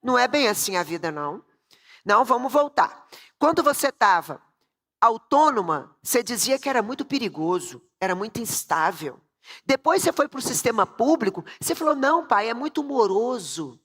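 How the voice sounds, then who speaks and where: A woman voicing her blunt, stern older father in an acted quote, speaking in a dry, matter-of-fact way with slow emphatic words. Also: on the high side, big pitch swings, a bit bright. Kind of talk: acted quote within a motivational talk.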